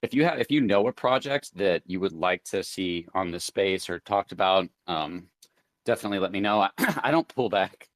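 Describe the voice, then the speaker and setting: A man's voice: deep voice, expressive, moderate pace, dry recording. A man hosting a live crypto audio chat, rambling casually with many fillers as he thinks aloud. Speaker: crypto show host.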